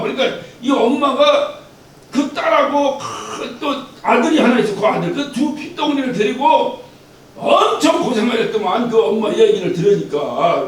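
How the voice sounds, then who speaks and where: A male pastor preaching in a chatty, storytelling way and often asking the congregation questions. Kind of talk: conversational sermon. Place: church sanctuary. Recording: very echoey church, distant mic, faint rumble.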